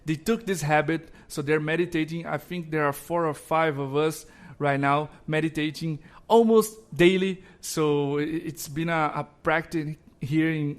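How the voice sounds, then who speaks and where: A friendly male podcast host from Brazil with a slightly high voice. He speaks in a somewhat halting way and laughs often. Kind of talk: podcast interview.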